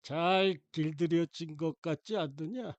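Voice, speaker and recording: A man voicing a sneering, arrogant old male painter who talks in a mocking, slow, hushed way in an audiobook. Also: a little high, no echo, dull audio, natural voice.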